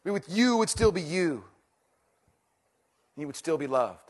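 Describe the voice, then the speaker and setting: Before a church congregation, a middle-aged teaching pastor preaches at normal speed in a fairly high voice. His delivery is conversational and self-deprecating, ranging from loud excitement to hushed intensity.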